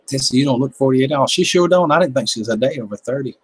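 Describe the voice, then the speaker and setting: A gardening-channel livestream host in his fifties reads viewer comments in rapid-fire, lively speech, his Southern American accent and laid-back, joking style giving it a folksy feel. His mid-range voice is husky, with no echo.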